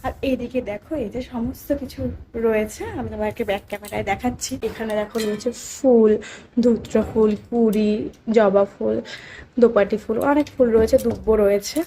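A young woman from West Bengal with a Bengali accent, chatting casually in a home vlog and keeping her voice low so a sleeping child stays asleep. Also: steady tone, brisk, mellow, a little hiss or hum. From West Bengal, India. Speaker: vlogger.

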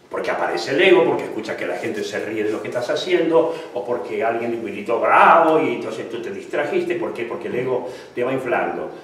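Man lecturing in an echoey hall. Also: mid-range voice. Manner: explanatory, repeats syllables to demonstrate. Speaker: guest lecturer on singing technique. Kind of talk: live lecture with demonstrations. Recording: echoey hall, distant mic, faint noise.

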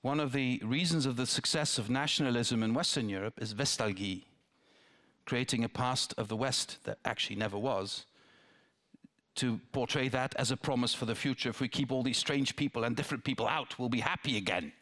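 A medium-pitched, slightly bright voice moves along fairly quickly as an older man from the Netherlands fields audience questions. The politician is on a theatre stage with a headset mic, in a town-hall dialogue format. He's reflective, restarting and slipping in asides.

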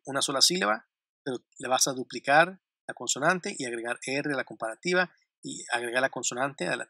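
An English teacher with a bright male voice at medium pitch explains English grammar to Spanish speakers. The studio recording is clean, with no room sound, and he repeats word lists slowly and clearly, laughing lightly now and then.

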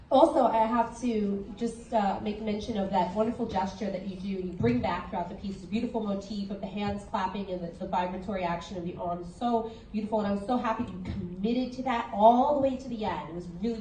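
Mellow woman giving dance critique. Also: mid-range voice, a little hiss or hum. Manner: encouraging, measured, with fillers. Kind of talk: spoken critique. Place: dance studio or theater. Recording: roomy echo, distant mic.

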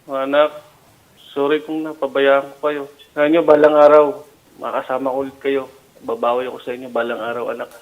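Filipino-accented man, flat and pleading on a tinny phone line. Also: medium pitch, fairly quick, pauses often. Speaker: accused father. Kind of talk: phone interview.

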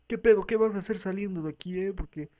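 With a Mexican Spanish accent, a speaker performs a rowdy, profane comic parody dub of a talk show, voicing every role and switching between voices. The delivery is quick and warm at medium pitch, and the sound is lo-fi.

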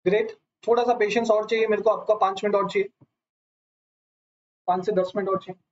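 A man's voice: sits high, steady tone, a little fast. A man teaching a live online lecture, asking his students question after question and calling them sir. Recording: slightly dull lo-fi audio.

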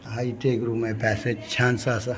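A man's voice: mid-range voice, little pitch movement, normal speed, crowd noise. A man with a Mumbai Marathi accent, filming a family weekend vlog, chatting, teasing and laughing often. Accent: Marathi-speaking Mumbai. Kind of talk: casual handheld vlog narration. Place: villa rooms full of family. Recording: noisy crowded room.

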